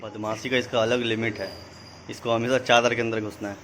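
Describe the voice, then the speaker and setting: A man's voice: mid-range voice, flat delivery, brisk, fairly bright tone, slight background noise. A young man casually vlogging at home, talking to the camera as he walks from room to room. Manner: chatty, playful baby talk with a child. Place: home indoors.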